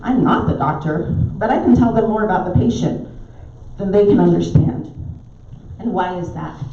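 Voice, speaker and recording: Here a middle-aged naturopathic doctor from Barbados, guest speaker at a club meeting in a pub dining room, tells stories warmly with filler ums. She speaks at normal speed in a mid-range voice, her Barbadian accent softened by years in the US. The recording is echoey, dull and distant.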